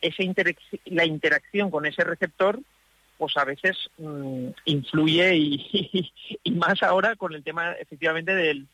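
A man speaking as a psychologist guest on a radio show from a parked car, thoughtful, with pauses and restarts. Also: on the high side, sharp tone, no echo, low-quality recording. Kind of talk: explanatory radio talk.

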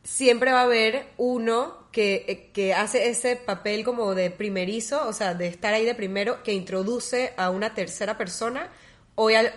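A woman hosting a conversation who asks curious follow-up questions in a chatty way. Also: medium pitch. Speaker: host. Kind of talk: conversational interview.

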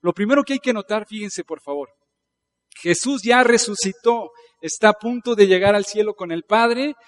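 A man's voice: high-pitched, normal speed. A male pastor, preaching in a conversational style with emphatic bursts. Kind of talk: sermon.

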